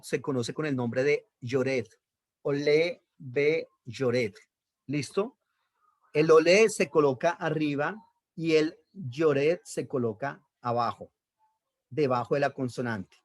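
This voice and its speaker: A man teaching a Bible lesson on Hebrew accent marks, explaining patiently, repeating key terms and checking in with his listeners. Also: a little high.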